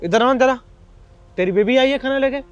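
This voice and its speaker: Man doing a pushy but kind boss, talks fast, high, lo-fi sound. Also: slight background noise. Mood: scolding. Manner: scolding, persuasive. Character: bossy but kind work supervisor. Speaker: actor in a comedy skit.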